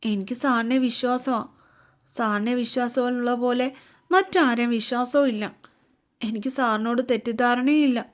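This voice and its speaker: A woman voicing a timid young woman who pleads in halting, broken words through tears, in a romance audio story. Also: on the high side, steady tone, natural voice. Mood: tearful pleading. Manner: halting, broken, sobbing pleas.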